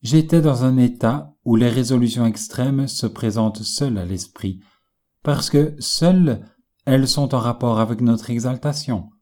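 A man narrating a novel in the first person, with measured, literary storytelling. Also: mid-range voice, a little mellow. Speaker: audiobook narrator.

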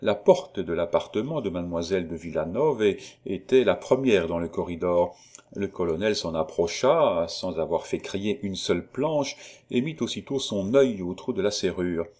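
A man narrating a classic novel in a measured, even reading. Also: low-pitched. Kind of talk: audiobook narration.

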